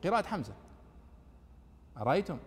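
Guy lecturing, keeps asking his own questions then answering, a bit high, hall reverb. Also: big pitch swings, fast. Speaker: lecturer on Quranic exegesis. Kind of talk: classroom lecture.

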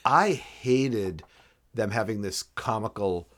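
A man co-hosting a casual comic book discussion, animated and reading dialogue aloud. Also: lowish voice, takes it slowly. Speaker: podcast co-host.

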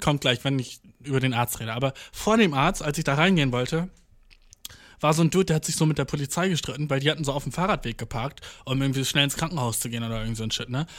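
A man's voice: on the high side, fairly bright tone. A young man telling rambling everyday anecdotes in a casual, slangy way, swearing and mixing in English words. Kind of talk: casual storytelling monologue.

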